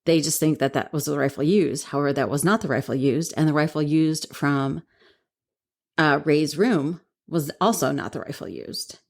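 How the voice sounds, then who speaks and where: A woman's voice: sits low, moderate pace. A woman co-hosting a podcast, telling a story in casual chat, rambling and laughing often. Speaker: podcast co-host.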